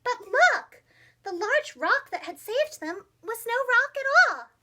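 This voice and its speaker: A woman reads a children's storybook aloud like a preschool teacher, expressive and using simple phrasing for young kids. Her voice is very high, and she takes her time.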